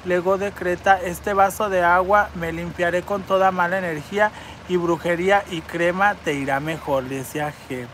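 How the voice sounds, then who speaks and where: A woman's voice: fairly low pitch, fairly even intonation, moderate pace, fairly bright tone, slight background noise. A woman with a Mexican Spanish accent hosting a live stream, reading viewer comments aloud and answering in a brassy, campy, foul-mouthed way, speaking into a phone outdoors on a city street. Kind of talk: crude live-stream chat.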